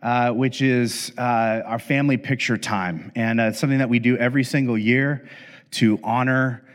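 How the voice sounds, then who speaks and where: A middle-aged pastor tells a funny family story during a sermon, speaking casually with lots of fillers and restarts. His voice is medium-pitched and steady, and his pace is moderate. The recording carries a long hall reverb.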